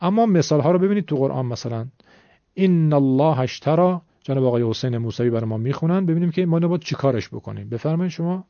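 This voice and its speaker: A man's voice: mid-range voice, expressive, gravelly, hardly any pauses, warm tone, dry recording. A man giving a patient, polite, step-by-step lesson on Quran recitation. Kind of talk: classroom lesson explanation. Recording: dull lo-fi dry recording.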